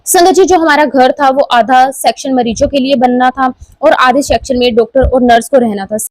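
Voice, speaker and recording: A woman in her forties recounts her devotional experiences in an earnest storytelling manner, often calling out to her listeners. Her voice sits high. The recording is dry and close, with almost no room sound. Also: normal speed, no echo, rough recording. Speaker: devotee sharing a testimony. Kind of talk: devotional personal testimony.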